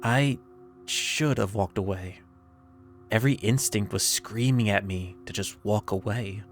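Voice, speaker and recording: A man narrating a scripted first-person horror story in a measured, creeping, suspenseful way with pauses. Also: on the low side, a little hiss or hum. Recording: background music under the voice.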